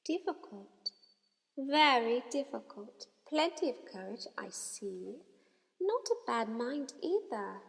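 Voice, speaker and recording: Brief: woman reading as a sly old talking hat, slow breathy whispers, sudden high shouted calls, long reverb behind. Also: big pitch swings, heavily acted. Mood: musing. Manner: slow hushed whispering, booming shouted verdicts.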